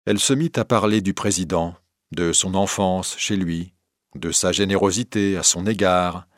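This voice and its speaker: A man narrating a classic novel aloud in a steady, measured reading. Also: deep voice, no echo, studio quality.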